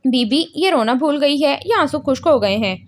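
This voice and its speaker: A woman voicing a gentle, teasing young man in a storybook reading, calm and soothing. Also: sits high.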